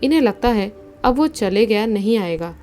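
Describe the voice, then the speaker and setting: A woman narrating a horror story in a steady, suspenseful storytelling manner. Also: mid-range voice, normal speed, soft background music.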